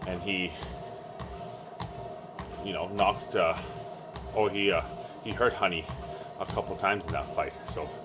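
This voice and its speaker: A man giving casual, halting solo sports commentary, thinking aloud while exercising on a treadmill. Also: low voice, steady tone, low-quality recording. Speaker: boxing vlogger giving fight predictions. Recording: music playing behind the voice.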